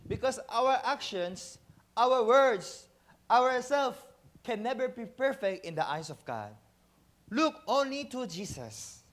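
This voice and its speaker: A pastor delivers an animated sermon in a high, swooping voice. He jumps between two languages and acts out small scenes, asking the room for an "Amen" along the way. It sounds like a church service. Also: slow pace. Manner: animated preaching, switching between two languages, acting out dialogues; asks the congregation "Amen?".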